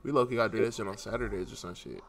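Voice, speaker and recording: A man's voice: lowish voice, very fast, vocal fry, over a noisy crowd. A man hosting a casual podcast chat, rambling and teasing in loose slang. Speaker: podcast host.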